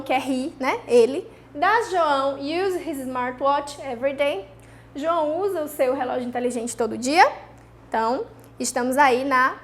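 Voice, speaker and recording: A high-pitched woman with a Brazilian Portuguese accent leads a recorded English lesson. She draws out each English word slowly as a model for repetition and keeps checking in with her students. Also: a bit bright. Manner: slow, drawn-out model pronunciation of English words for repeating; checks in often with "certo?" and "né?". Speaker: English teacher.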